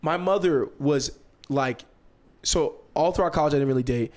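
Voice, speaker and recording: A man's voice: fairly high pitch, normal speed. A young man from Nigeria hosting a podcast, telling a story in casual chat and acting out quotes with bursts of laughter. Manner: animated, acts out quotes with laughter. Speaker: podcast host.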